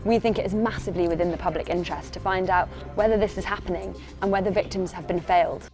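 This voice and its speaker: A woman narrates a scripted report in a slightly low voice, with faint music behind her. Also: steady tone, fast talker, darkish tone.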